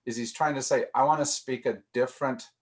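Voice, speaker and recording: A man's voice: medium pitch, fairly even intonation, brisk. A man leading a casual group discussion, thinking aloud with frequent restarts and repeated words.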